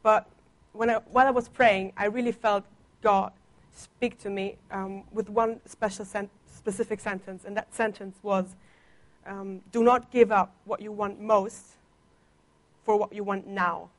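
Speaking a little slowly in a medium-pitched, fairly even voice, this young woman shares her testimony in a church talk. She's a visiting guest speaker on placement, from Germany, raised speaking Italian and German, chatty and teasing in tone, with a slight cough.

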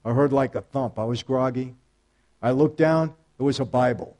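A man giving a faith testimony, storytelling emphatically and speaking straight to his audience, swinging between hushed and loud. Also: medium pitch, moderate pace. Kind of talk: personal testimony talk.

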